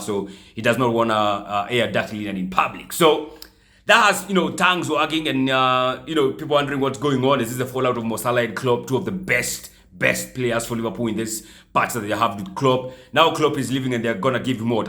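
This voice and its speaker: A man hosting a casual football recap show, talking in an animated, mocking way and slipping in Swahili slang. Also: medium pitch. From Kenya. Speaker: football podcast host. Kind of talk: casual solo commentary.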